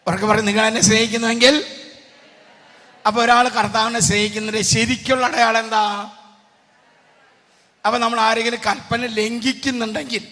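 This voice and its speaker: A man's voice: extremely high pitch, level tone, fairly quick, long pauses, bright, forceful tone. A male preacher from Kerala giving a retreat sermon, quizzing his congregation and urging them to answer aloud, his voice strained and fading. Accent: Kerala Malayalam. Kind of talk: retreat sermon with call-and-response. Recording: hall reverb.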